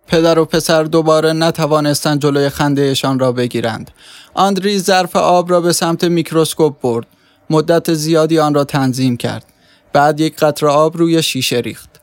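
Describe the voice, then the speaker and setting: Male audiobook narrator, steady storytelling, slightly high, dry close mic. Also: no echo.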